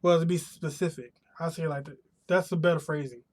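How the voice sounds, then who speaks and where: A man's voice: fairly high pitch, fairly even intonation, brisk. An American man chatting casually on a live stream from his home room, rambling and rephrasing himself, his voice a bit worn from pollen. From United States. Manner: rambling, restarts and rephrases often. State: voice slightly worn from pollen allergy.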